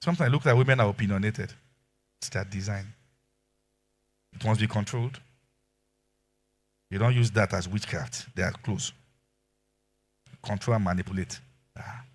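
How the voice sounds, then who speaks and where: A man preaching a sermon as pastor, animated and emphatic, asking rhetorical questions. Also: lowish voice, moderate pace, long pauses.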